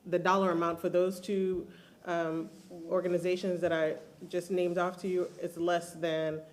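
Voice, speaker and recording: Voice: mid-range voice, flat delivery, moderate pace. A city staff member explaining contract thresholds to council in a plain, explanatory way with fillers. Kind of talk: answering questions at a public hearing.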